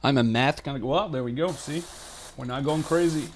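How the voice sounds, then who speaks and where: A man's voice: mid-range voice, normal speed, a little hiss or hum. A man hosting a live miniature painting tutorial, chatting casually and rambling with lots of fillers, joking and talking to his chat. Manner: jokey, talks to chat.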